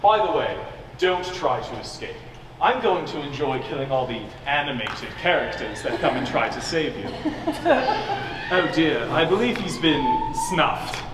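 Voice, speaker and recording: A man's voice: medium pitch, animated, normal speed, natural voice. A young man on stage playing a smug Prince Charming turned villain, gloating with theatrical menace. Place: stage in a school-type auditorium. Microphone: distant audience camera. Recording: echoey hall from far off, noisy.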